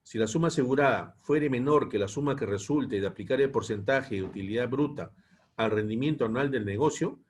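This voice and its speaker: A man with a husky, slightly rough voice lectures to a class. He reads dense technical text aloud at a measured, steady pace, pausing now and then to explain a point. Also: mid-range voice. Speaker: instructor. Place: online class.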